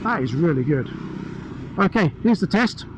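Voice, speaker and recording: A man's voice: on the high side, very animated, moderate pace. A British man reviewing a motorbike as he rides, speaking through a helmet mic in chatty, enthusiastic running remarks. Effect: speaking through a helmet mic while riding. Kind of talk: riding commentary. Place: on a motorbike on open roads. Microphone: helmet-mounted mic. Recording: helmet mic with engine and wind noise. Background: engine and wind noise.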